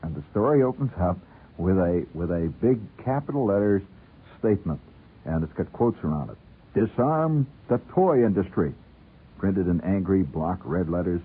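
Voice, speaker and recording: Deep and husky, a middle-aged American man's voice carries a humorous tale on his radio show. He tells it conversationally with wry theatricality and a fondness for ornate words, all captured in muffled, narrow-band old broadcast sound.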